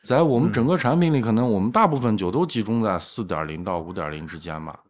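Low-voiced man, casual craft brewer. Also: expressive, fast. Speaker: craft brewer, interview guest. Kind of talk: casual explanatory conversation.

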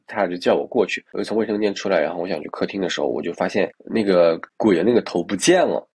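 A male podcast host tells stories in a relaxed monologue, full of restarts and asides to the listener. His voice sits low and a little husky. His pitch swings widely as he talks fast. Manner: restarts and fillers while recounting. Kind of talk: casual storytelling monologue.

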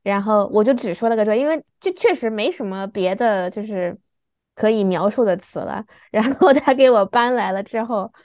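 A woman's voice: mid-range voice, moderate pace, darkish tone, dry recording. A young woman with a mid-range voice tells an anecdote in an easygoing way, laughing often as she talks. The recording is dry and close. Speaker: podcast co-host. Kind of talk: casual chat.

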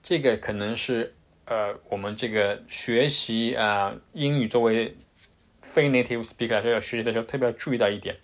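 A man's voice: mid-range voice, fairly even intonation, moderate pace. A man teaching English pronunciation in a casual, patient way, with frequent fillers and restarts. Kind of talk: casual explanatory lesson.

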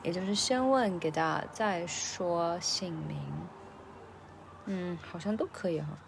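A woman's voice: on the low side, animated, unhurried, noisy background. A woman keeping a language-learning diary, repeating words carefully with hesitant fillers.

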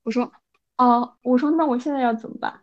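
Fast-talking animated woman telling a story. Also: a little high, muffled recording. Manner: animated, frequent "你知道吧" asides. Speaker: podcast co-host. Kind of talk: casual storytelling chat.

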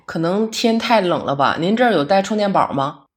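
A female actor plays a flash-delivery courier in an audio drama, in the naturalistic dialogue style of modern radio plays. Her mid-range voice is brisk, animated and close to everyday speech, with a businesslike, helpful mood. The courier is chatty, straightforward, earnest and a little quirky, talking in a colloquial, blunt but good-natured way.

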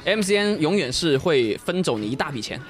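A man's voice: fairly high pitch, very animated, fairly quick, faint music behind. A man from Guangzhou speaking Mandarin with a light Cantonese accent, explaining things in a casual podcast chat as a guest. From Guangzhou, China. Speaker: guest, full-time short-video creator.

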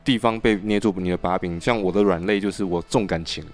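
A man hosting a podcast, telling a story in an animated, casual way with frequent restarts. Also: low voice, fast, soft background music. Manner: animated, laughs and restarts often. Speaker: podcast host.

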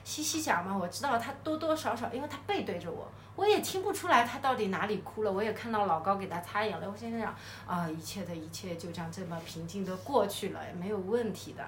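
A woman's voice: mid-range voice, lively intonation, fast, hardly any pauses. A woman co-hosting a podcast, telling a story in casual chat and laughing often as she goes. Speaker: podcast co-host. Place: hotel room. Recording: echoey room, faint background noise.

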